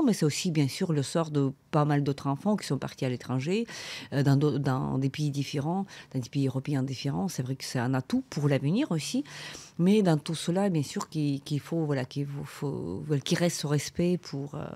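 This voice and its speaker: Mellow-voiced podcast interviewer. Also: mid-range voice. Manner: chatty, restarts mid-phrase.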